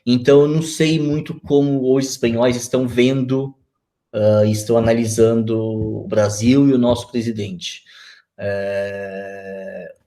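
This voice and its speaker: A man's voice: medium pitch, darkish tone. A Brazilian man in his forties, a guest on a video-call interview, talking reflectively with many fillers and restarts. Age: 40s.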